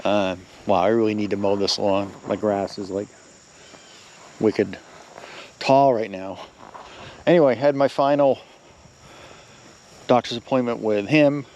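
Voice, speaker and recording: A man's voice: fairly low pitch, steady tone, unhurried, pauses often, darkish tone, lo-fi sound. A middle-aged man, rambling casually and a little out of breath as he films a walk around his rural yard. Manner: rambling, filler-heavy, plain-spoken. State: slightly out of breath. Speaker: vlogger. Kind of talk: casual walking vlog. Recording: faint outdoor noise with crickets.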